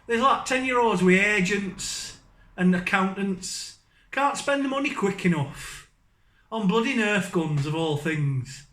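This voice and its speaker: Northern English bloke, gaming YouTuber, blunt and self-mocking, high voice, ranting in a roomy space. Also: male voice, sharp tone. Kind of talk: rambling comic rant to camera.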